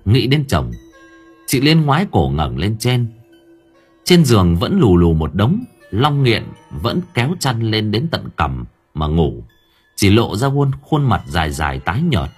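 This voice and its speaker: A man with a husky, fairly low voice narrates a story. His pitch rises and falls in an animated storytelling manner. Faint music plays underneath. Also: unhurried. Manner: expressive, lively storytelling. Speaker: audiobook narrator.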